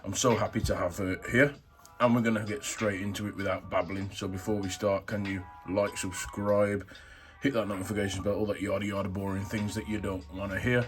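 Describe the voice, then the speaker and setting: A man's voice: on the low side, little pitch movement, fairly quick, soft background music. A man hosting a casual, chatty action figure review, talking informally and full of superlatives. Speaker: YouTube toy reviewer and channel host.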